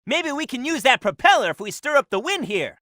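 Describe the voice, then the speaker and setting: A man playing a cocky, upbeat young hedgehog hero in a video game, brash and energetic. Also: extremely high pitch, a little fast, no room sound, clean studio sound, heavily acted. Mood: cocky, excited. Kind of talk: video game in-action voice lines.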